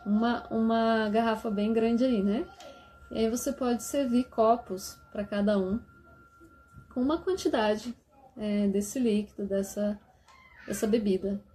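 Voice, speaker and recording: A woman gently explaining church lessons for parents to teach their children, often checking in with a soft "né?". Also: a little high, steady tone, unhurried, slight background noise. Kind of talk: casual instructional talk.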